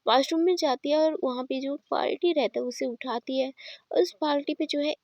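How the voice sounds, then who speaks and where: A woman's voice: sits high, moderate pace, no echo, muffled recording. A woman narrating a story in a chatty, casual way, often correcting herself. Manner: chatty, with frequent self-corrections.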